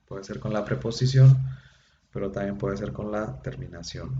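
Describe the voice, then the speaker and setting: A man's voice: lowish voice, warm tone. A man teaching Biblical Hebrew, explaining patiently with many fillers, heard over a video call. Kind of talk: online class lecture. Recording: dull lo-fi echoey room with faint hum.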